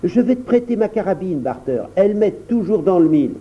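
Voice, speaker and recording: A man's voice: sits high, sing-song, a little fast, voice pushed up. A scheming man speaks in a raised, insidious tone, as a male narrator puts him on. The recording is dull and lo-fi.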